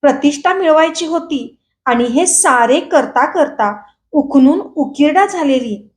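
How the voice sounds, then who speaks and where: A woman calmly reading a novel aloud at a measured pace, after a short channel introduction. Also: high-pitched. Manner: calm, measured storytelling. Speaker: audiobook reader. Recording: echoey room.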